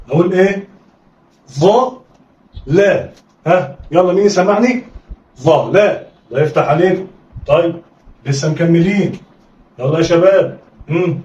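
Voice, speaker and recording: A high-voiced man with an Egyptian accent leads a children's phonics drill, calling out sounds and urging the pupils to repeat. He encourages them warmly and praises them often. He is heard from a distance in an echoey room with a dull, lo-fi sound. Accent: Egyptian Arabic. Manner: call-and-response drilling, coaxing pupils to repeat. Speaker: Arabic teacher.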